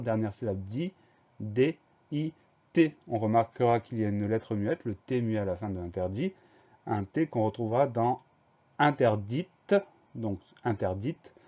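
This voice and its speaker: A man giving a spelling lesson, slowly spelling out words letter by letter. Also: mid-range voice, dark tone, highs cut off. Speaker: teacher.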